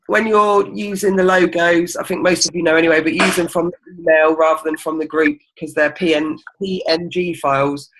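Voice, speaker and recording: A woman's voice: sits low, fairly bright tone, a little hiss or hum, poor audio. A woman runs an indoor team meeting, chatty and upbeat. She fills gaps with ums and keeps the group going. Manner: chatty and encouraging, with many ums. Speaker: team leader. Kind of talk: casual team meeting talk.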